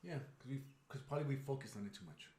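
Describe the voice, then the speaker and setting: A man co-hosting a podcast in casual chat, telling stories with lively acted-out quotes. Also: mid-range voice, quick pace, slight background noise. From United States. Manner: animated storyteller, acts out quotes. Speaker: podcast co-host. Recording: roomy echo.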